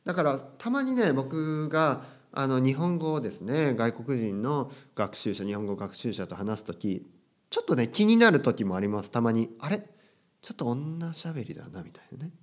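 A man's voice: medium pitch, sing-song, moderate pace. A young man teaching casually, with playful quotes of characters and phrases. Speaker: Japanese teacher. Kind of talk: casual language lesson.

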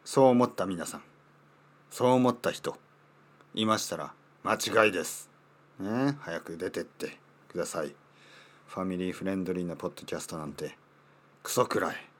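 A man's voice: deep voice, moderate pace, long pauses. A man in his thirties hosting a casual podcast for language learners, playful and rambling, often repeating words as he thinks aloud. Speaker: podcast host teaching Japanese. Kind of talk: casual solo podcast talk.

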